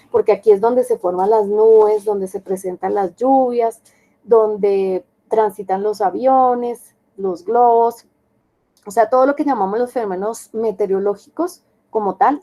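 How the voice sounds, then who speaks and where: A woman's voice: on the high side, warm tone, rough recording. A woman teaching an online class, explaining step by step and often checking with her students. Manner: explanatory, checks understanding with questions.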